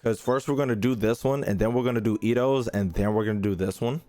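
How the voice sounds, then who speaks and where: A man's voice: medium pitch, quick pace, warm tone, faint music behind. A man streaming games, bantering with viewers in slangy, exclamatory talk and often repeating his phrases. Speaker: live streamer. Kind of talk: casual gaming stream chat.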